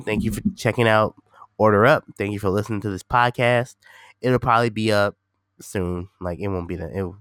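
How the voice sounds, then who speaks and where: A man's voice: on the low side, smooth, no echo, studio quality. A man hosting a casual solo podcast, rambling informally and repeating himself, sounding nasal and a bit congested from being sick. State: slightly sick with a stuffy nose. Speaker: podcast host and gaming streamer.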